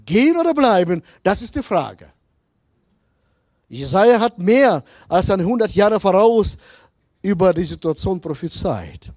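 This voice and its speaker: A middle-aged man preaches with a high, lively voice that leaps up and down in pitch. He speaks slowly and with emphasis, swinging from loud appeals to near-hushed lines, in a dry, close sound. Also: dry recording. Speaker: pastor. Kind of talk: sermon.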